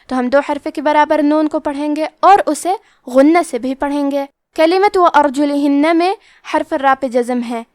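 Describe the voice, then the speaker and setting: A woman's voice: high-pitched, no echo, studio quality. A woman teaching Quran recitation rules, explaining pronunciation patiently and step by step.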